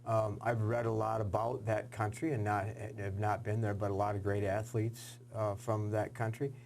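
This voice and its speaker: A man hosting a TV sports interview, asking earnest questions with halting fillers. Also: fairly low pitch, flat delivery, creaky, a little mellow, slight background noise. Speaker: sports show host.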